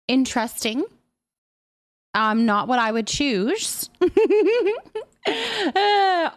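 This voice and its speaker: On a casual livestream, a woman with a high-ish, fairly bright voice reads out and responds to comments. Her chatter often repeats phrases in an affirming way.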